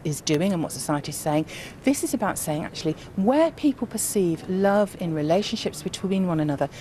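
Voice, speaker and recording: A woman's voice: fairly low pitch, dark tone, slight background noise. A middle-aged woman answering an interview earnestly outdoors. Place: outdoors by a building.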